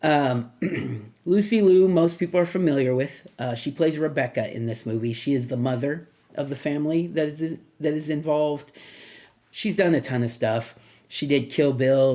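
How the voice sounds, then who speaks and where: A middle-aged man talks through a movie review in a loose, casual way. He wanders and restarts his sentences, with plenty of fillers along the way. His voice is mellow and warm, at an ordinary pitch for a man. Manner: rambling, many fillers and restarts.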